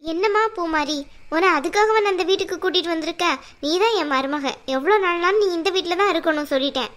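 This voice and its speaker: A woman's voice: very high voice, fast, fairly bright tone. A woman voicing a kind but stern mother-in-law in a cartoon, firm and soothing by turns. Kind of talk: cartoon voice acting.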